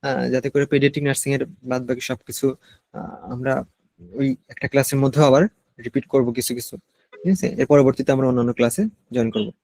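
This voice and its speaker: A Bangladeshi Bengali-accented man teaching a nursing class, explaining slowly and mixing in English medical terms. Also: medium pitch, steady tone, creaky, darkish tone, dry recording. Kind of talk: online class lecture.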